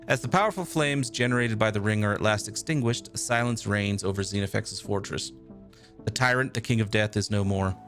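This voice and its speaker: A male streamer reading a video game's text aloud with a steady storytelling delivery. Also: on the low side.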